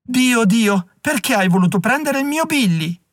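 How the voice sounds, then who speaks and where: Man playing a grieving poor mother, pleading, tearful, high-pitched, dry close sound, audiobook. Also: very animated, moderate pace, dry recording. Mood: wailing. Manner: wailing, pleading.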